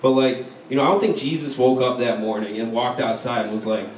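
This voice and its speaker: A man's voice: medium pitch, steady tone, a little fast. A young American man doing a casual, conversational stand-up comedy set before a laughing crowd. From Chicago, United States. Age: young adult. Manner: casual, conversational delivery with frequent "like". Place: live stand-up show in a university venue. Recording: echoey, distant, noisy live room recording.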